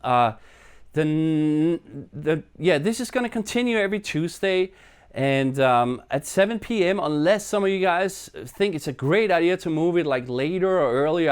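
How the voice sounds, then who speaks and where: A man's voice: fairly high pitch, normal speed, clear, resonant tone. A man from Denmark, casually chatting to viewers on his live stream from his apartment, rambling and joking at himself. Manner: chatty, rambling, self-deprecating. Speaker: live stream host and musician.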